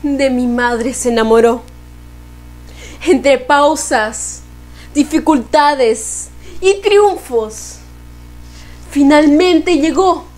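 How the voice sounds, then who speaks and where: A teenage girl with a high voice and a Peruvian accent declaims verse in a theatrical style. She takes her time, leaving long pauses and stressing words dramatically. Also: darkish tone. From Peru. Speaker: student reciter in a poetry contest. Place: living room at home.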